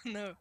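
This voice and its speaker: A gamer giving casual gameplay commentary, excitable and laughing, trash-talking the other players. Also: mid-range voice, husky.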